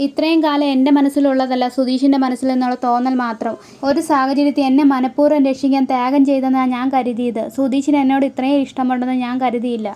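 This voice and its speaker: A woman voicing a bewildered young wife who speaks in a soft, wondering way. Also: high voice, flat delivery, fast talker, few pauses, lightly acted.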